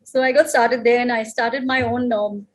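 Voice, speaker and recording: A middle-aged woman from India speaks on a video call, in a husky voice pitched a little high. She chats freely, with plenty of fillers and restarts. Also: steady tone, moderate pace, poor audio. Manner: chatty, with many fillers and restarts. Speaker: guest speaker.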